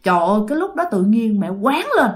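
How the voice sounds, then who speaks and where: A woman with a Southern Vietnamese accent telling a ghost story in an animated way, speaking straight to her listeners. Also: medium pitch, fast talker.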